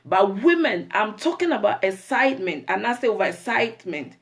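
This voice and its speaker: A woman's voice: medium pitch, big pitch swings, brisk. Chatty Ghanaian woman hosting a live show. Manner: chatty, greets viewers by name, mixes in Twi; preachy advice to women. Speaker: talk show host. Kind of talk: live show chat with viewers.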